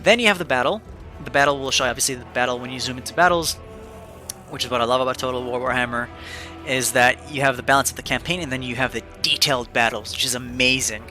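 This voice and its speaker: A man's voice: medium pitch, fast, sharp tone, faint music behind. A man narrating a beginner's video game tutorial in a casual, rambling, upbeat way, with many fillers and restarts. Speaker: gaming video creator.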